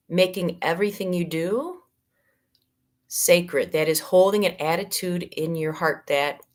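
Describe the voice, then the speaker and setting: A middle-aged woman with a Midwestern American accent gives a spiritual teaching talk. Her voice sits a little low and stays gentle. She is unhurried and stretches out the words that matter. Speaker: yoga teacher.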